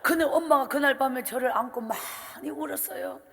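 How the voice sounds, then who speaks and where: A middle-aged woman evangelist with a strong Gyeongsang accent preaches at a revival, her voice pitched high. She tells her story in an animated way and acts out every exchange. A long hall reverb trails her words through the church. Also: normal speed. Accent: Gyeongsang Korean. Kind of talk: revival sermon testimony. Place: church sanctuary.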